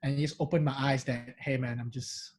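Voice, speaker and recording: A man's voice: mid-range voice, fairly even intonation, a little fast, darkish tone, slightly rough, poor audio. A man from Indonesia with a mixed Singaporean and Indonesian accent, chatting animatedly as an interview guest with many restarts. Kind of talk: casual interview chat.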